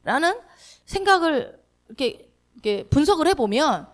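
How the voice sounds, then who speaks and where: A woman's voice: high-pitched, very animated, moderate pace. A woman pastor giving a sermon, asking the congregation questions and then answering them herself, and acting out people's inner thoughts. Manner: acts out inner thoughts in quoted speech.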